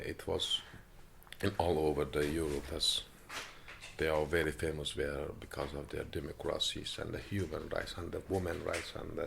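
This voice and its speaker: A man from Afghanistan, speaking halting with many hesitations as he gives personal testimony in an interview, recorded in an apartment. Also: rumbling low, gravelly, noisy background. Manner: halting non-native English with frequent hesitations.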